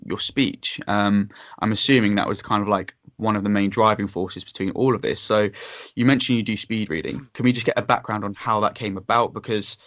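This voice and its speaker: A man's voice: lowish voice, steady tone, fairly quick, hardly any pauses, fairly bright tone, dry recording. A man hosting a casual podcast interview, upbeat and chatty, laughing often, with loose filler-heavy talk. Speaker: podcast host.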